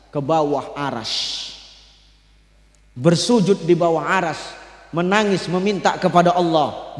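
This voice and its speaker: A man's voice: sits high, echoey room, in a large hall. A man, preaching a comic storytelling sermon and joking with officials in the audience. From North Sumatra. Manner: lively, joking, addresses officials in the crowd.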